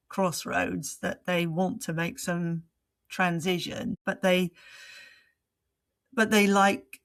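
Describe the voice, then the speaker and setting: A woman coach speaks in a fairly low voice, taking her time and searching for the right words as she reflects aloud. The sound is close and dry, with no room around it. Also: a bit bright, no echo. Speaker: leadership coach, guest. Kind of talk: reflective interview answers.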